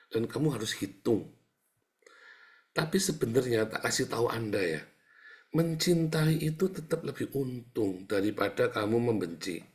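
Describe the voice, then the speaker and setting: A man preaching a sermon. He talks to his listeners like a chatty teaser, breaks into sound-effect words, and swings between booming outbursts and soft asides. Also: expressive, normal speed. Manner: addresses listeners as "saudara", chatty and teasing. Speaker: pastor.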